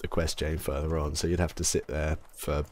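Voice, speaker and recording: A man's voice: very deep voice, level tone, brisk, slight background noise. A man with an English accent giving casual, rambling commentary while playing a video game, often correcting himself. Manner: rambling, self-correcting, chatty. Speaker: let's play commentator.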